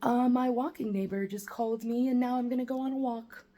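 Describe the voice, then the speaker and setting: A woman's voice: on the high side, steady tone, a little fast, dark tone. A young woman vlogging casually about quitting smoking while in facial nerve pain, rambling, swearing and joking at herself. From New Mexico. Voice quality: swearing, rambling, self-mocking. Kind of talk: casual talk to camera.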